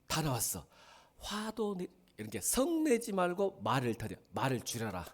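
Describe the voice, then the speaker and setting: Animated Korean pastor preaching, lively pitch. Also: male voice, moderate pace. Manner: animated, questions the congregation and answers himself; swings from soft low asides to loud emphatic lines. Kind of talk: sermon.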